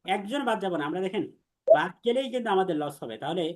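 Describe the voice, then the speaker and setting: A man's voice: high voice, lively intonation, fast talker, darkish tone. Guy teaching quran arabic online, patient, repeats stuff a lot, gets everyone to say it back. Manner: patient, repetitive, explains step by step. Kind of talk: online class lecture with call-and-response drill.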